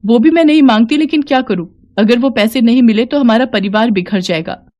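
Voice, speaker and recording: A woman's voice: a little high, fairly quick, darkish tone, voice pushed up, close to an everyday voice. A woman voicing a poor older widow who pleads plaintively for her money. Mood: pleading.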